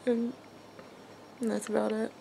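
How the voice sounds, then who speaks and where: A woman's voice: on the high side, flat delivery, measured pace, gravelly, dark tone, husky, rough recording. A young woman vlogger crying on camera, talking casually in a dejected, heartbroken way. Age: young adult. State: crying, tearful. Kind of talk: casual video diary. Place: small wood-paneled room at home.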